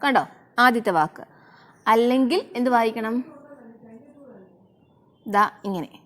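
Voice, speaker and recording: A woman teaching a biology lesson, asking questions and answering them herself, and slowing down to spell out English terms. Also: a little high. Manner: asks and answers her own questions, slows down for English terms. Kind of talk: online class lesson.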